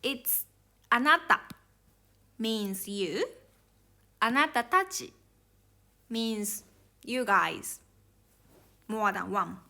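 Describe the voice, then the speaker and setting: Slow, bright-voiced woman teaching. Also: a little high, animated. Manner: slow, careful explaining. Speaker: Japanese language teacher. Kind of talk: language lesson.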